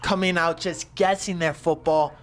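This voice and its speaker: A man doing excitable, rambling color commentation on a football game. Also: fairly high pitch, moderate pace. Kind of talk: live sports commentary.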